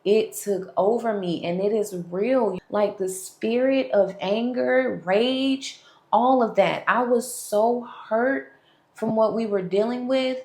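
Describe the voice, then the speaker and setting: A young woman with a high-leaning, mellow voice speaks slowly as she candidly shares her personal testimony straight to camera. She's a vlogger telling her story frankly to viewers, recorded in an echoey room.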